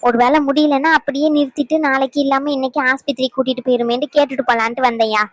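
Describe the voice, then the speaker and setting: A woman voicing a caring older mother in a dubbed cartoon, coaxing and hesitant, gently scolding her son. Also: high-pitched, steady tone, racing, no room sound, natural voice. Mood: motherly.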